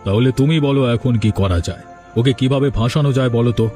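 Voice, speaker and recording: In Bengali cartoon dubbing, a man voices a spiteful village uncle who schemes in a sly, conspiratorial manner. His voice is mid-range, quick, and mellow, lightly acted over soft background music, with a spiteful, scheming mood.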